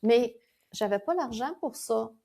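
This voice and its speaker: A woman with a Québécois French accent, a podcast guest telling lively stories and explaining her ideas, laughing now and then. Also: a little high, normal speed. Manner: animated storyteller, laughs while explaining. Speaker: guest, founder of a spiritual school. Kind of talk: conversational podcast interview.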